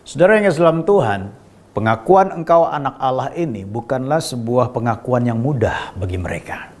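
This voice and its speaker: A male pastor preaching a sermon to his congregation, swinging between raised emphatic lines and low quiet asides, and often turning straight to the listeners. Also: expressive, normal speed. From Indonesia. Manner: addresses the congregation directly and often.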